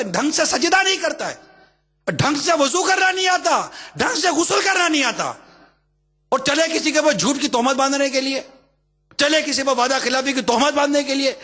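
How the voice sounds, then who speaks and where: A man's voice: very high voice, pushed and bright. A man preaching a sermon, emphatic and repetitive, firing rhetorical questions at his listeners. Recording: hall with long reverb.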